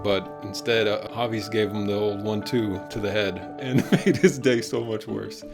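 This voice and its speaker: A man's voice: lowish voice, steady tone, normal speed, creaky, over music. A man telling a childhood story in a casual, rambling way, chuckling at himself. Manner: chuckling, rambling and self-deprecating.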